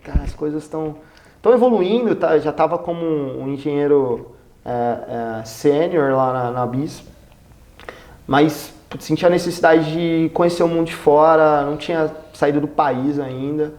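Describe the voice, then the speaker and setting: A man's voice: a little high, moderate pace. Slangy Brazilian man telling stories. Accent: Brazilian Portuguese. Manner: slangy and animated, acts out dialogue. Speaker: guest, company executive. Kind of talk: casual storytelling interview.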